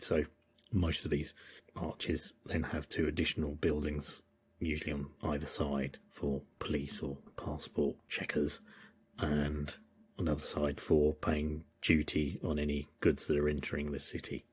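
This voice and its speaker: A man's voice: rumbling low, darkish tone, breathy edge. A man with an English accent hosting a podcast, talking through his material in a thoughtful, rambling way with frequent hesitations. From England. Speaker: podcast host. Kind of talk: casual podcast commentary.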